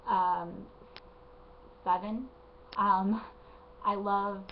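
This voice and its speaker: Hoarse, gravelly woman chatting softly. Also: mid-range voice, fairly even intonation, very slow. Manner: gentle, rambling, lots of ums. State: hoarse from losing her voice. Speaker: vlogger and parenting page admin. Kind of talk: casual motivational talk to camera. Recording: dull lo-fi recording with faint background noise.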